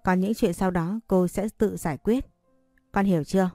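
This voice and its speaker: A woman's voice: medium pitch, normal speed, mellow, no echo, soft background music, close to an everyday voice. A woman reading a story voicing a scheming woman who coaxes a servant over the phone. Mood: coaxing. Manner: coaxing, persuasive.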